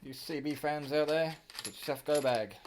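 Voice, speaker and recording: At a fairly high pitch and normal speed, a man gives an offhand, hands-on show-and-tell of his hobby kit, muttering as he works. The handheld camera captures clear background noise and the clicks of handling.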